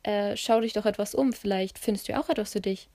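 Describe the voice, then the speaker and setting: Woman reading a breezy young best friend in a storybook; mid pitch, dry close sound. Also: brisk, dark tone, no room sound, close to an everyday voice. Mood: upbeat.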